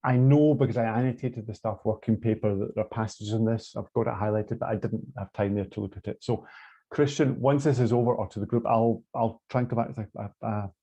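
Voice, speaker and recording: A man's voice: lowish voice, steady tone, a little fast, dark tone, husky. A man with a Scottish accent giving an online lecture on law, hesitant, with many fillers and restarts, heard over a muffled video call.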